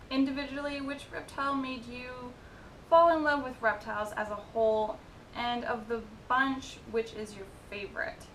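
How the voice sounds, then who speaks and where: A twenty-one-year-old woman chatting casually as she reads out and answers viewer questions, with giggly asides. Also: gravelly. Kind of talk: casual Q&A chat. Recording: echoey room with noisy rumble.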